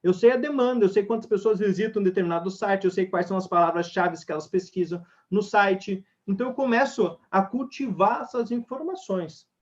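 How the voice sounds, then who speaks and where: A sales trainer runs an online sales webinar, speaking energetically straight to his audience in a high-pitched, brisk voice with hardly any pauses. The audio is dull and lo-fi.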